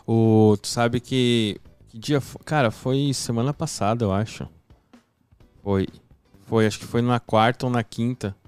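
A man's voice: medium pitch, steady tone, measured pace, a little mellow, clean tone, soft background music. A man hosting a podcast, chatting casually and telling an anecdote with lots of fillers. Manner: chatty, many fillers like "saca". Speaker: podcast host.

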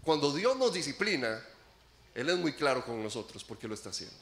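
A man preaching a sermon as pastor, dramatic, acting out laments and swinging widely between loud and soft. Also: sing-song, fairly quick, roomy sound. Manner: dramatic preaching, acts out quoted laments, sweeping pitch and volume swings.

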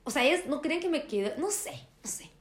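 A woman's voice: high voice, fairly quick. Young woman telling a story. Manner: animated, acts out quoted dialogue. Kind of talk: casual storytelling chat.

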